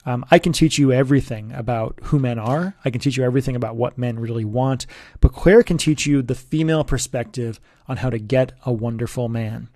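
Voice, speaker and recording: A man, a relationship coach, giving an earnest, persuasive sales pitch straight to the listener. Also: brisk, mellow, no echo, studio quality.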